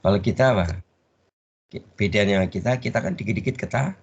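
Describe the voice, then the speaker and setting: A man teaching a religious study class. He pauses mid-word so the audience can finish it. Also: fairly low pitch, breathy edge. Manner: call-and-response, leaves words half-said for the audience to finish. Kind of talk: Islamic study lecture. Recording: dull lo-fi recording.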